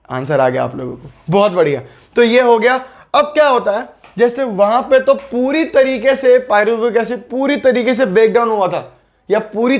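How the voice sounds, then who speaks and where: Young male biology tutor, high pitch, friendly, drills key words with questions. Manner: repeats key terms, asks and answers his own questions; friendly, coaxing. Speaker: biology teacher. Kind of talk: exam-prep lecture.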